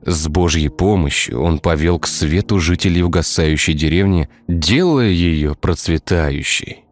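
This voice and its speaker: Deep-voiced male storyteller. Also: a little slow. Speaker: narrator. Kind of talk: scripted story narration. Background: faint music.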